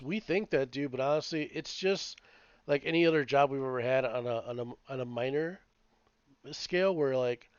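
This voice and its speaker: A man's voice: mid-range voice, normal speed, smooth, no echo. A man in his late thirties, chatting casually as a podcast co-host, swearing and ranting in a rambling way. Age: 30s. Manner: profane, rambling, animated ranting. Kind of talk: casual chat. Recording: dull lo-fi dry sound.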